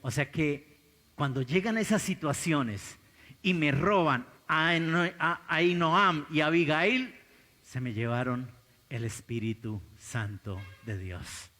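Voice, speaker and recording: A male pastor with a Colombian accent delivers a sermon in a fairly high voice. He swings from loud, pressing exclamations to low, intense asides. The live recording carries a long reverb from the church hall. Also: takes it slowly. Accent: Colombian Spanish.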